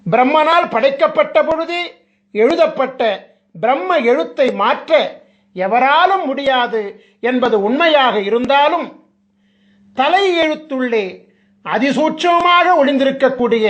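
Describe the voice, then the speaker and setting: A man with a very high voice gives a solemn devotional discourse as a spiritual teacher. He speaks very slowly and deliberately, putting rhetorical questions to his listeners. The recording is muffled and lo-fi.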